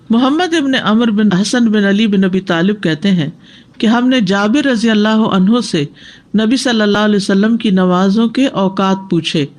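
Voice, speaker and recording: A woman teacher giving a religious lesson on prayer, explaining and showing postures as she goes. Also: mid-range voice. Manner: explanatory, demonstrating with gestures.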